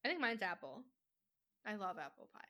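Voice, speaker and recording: A young woman in casual chat with a friend, chatty and animated, laughing easily. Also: medium pitch, brisk.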